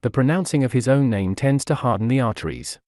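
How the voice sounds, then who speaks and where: A man voicing a cool-headed young gentleman who speaks with dry, wry humour. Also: medium pitch, animated, brisk, no echo, lightly acted.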